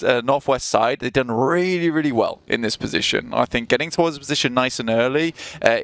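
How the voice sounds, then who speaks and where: A man's voice: medium pitch, a bit bright. A man giving live esports commentary, chatty analysis with frequent restarts. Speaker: esports caster.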